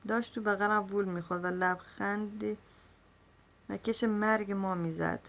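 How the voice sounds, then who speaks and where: A woman's voice: mid-range voice, steady tone, creaky. Woman reading a novel aloud. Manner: emotional storytelling, voicing the characters' lines in her own voice. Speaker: novel reader. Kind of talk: first-person novel reading.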